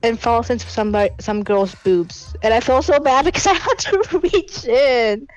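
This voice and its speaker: A woman in her late teens calls in to confess an embarrassing story, giggling and rambling with many restarts. Her voice is a little high at normal speed, with faint music behind her.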